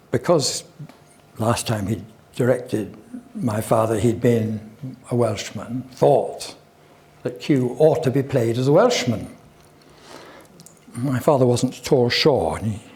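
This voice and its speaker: A man's voice: mid-range voice, animated, slow, long pauses, a little mellow. An older man giving a chatty public talk, full of wry asides and digressions. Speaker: guest speaker at a local history talk.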